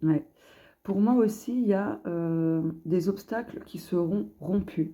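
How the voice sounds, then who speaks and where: A woman's voice: medium pitch, measured pace, mellow. A woman giving a casual card reading, hesitant and chatty, thinking aloud with many filler sounds. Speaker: card reader giving a collective astrology guidance.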